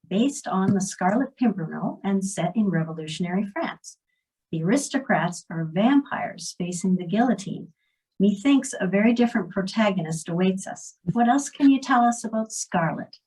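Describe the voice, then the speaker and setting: Woman library interviewer, mid-pitched, upbeat, reading prepared questions over a call. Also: lively intonation, normal speed, darkish tone, husky, low-quality recording. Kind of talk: friendly author interview. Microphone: video call.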